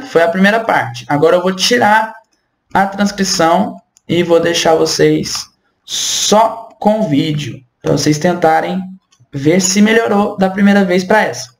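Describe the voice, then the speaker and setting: A woman teaches French in an unhurried, patient way, saying each word again and again so it can be copied. Her delivery is slow and easygoing. The room around her voice is echoey. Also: fairly low pitch. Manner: patient, repeats words slowly to model pronunciation. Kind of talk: online language lesson.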